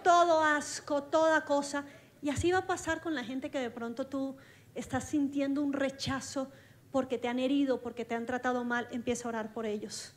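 A woman preacher telling a personal story in a sermon, lively and acting out the dialogue. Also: sits high, normal speed. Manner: lively, acts out dialogue, laughs along with her story.

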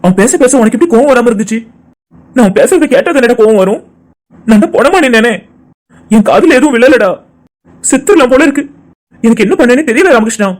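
Cartoon role: a man doing a gloomy, lovesick young man, high voice, brisk. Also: expressive. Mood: heartbroken. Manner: sorrowful, low and subdued. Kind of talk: cartoon voice acting.

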